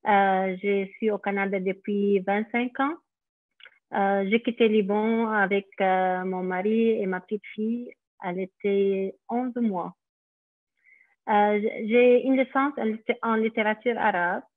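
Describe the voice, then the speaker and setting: A woman's voice: mid-range voice, fairly even intonation, measured pace, no room sound. A middle-aged Lebanese woman with an Arabic-accented voice, giving a hesitant personal testimony on a webinar with many fillers. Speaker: daycare centre director. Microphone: video call. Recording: tinny phone-like video call audio.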